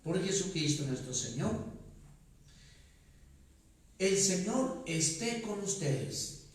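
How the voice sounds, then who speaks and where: A man, a priest, celebrating Mass, singing and reciting prayers in a slow, measured way, with a cathedral echo around his voice. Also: high voice, big pitch swings. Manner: slow, measured liturgical delivery, partly sung. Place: large church. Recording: echoey church, voice from far off the mic.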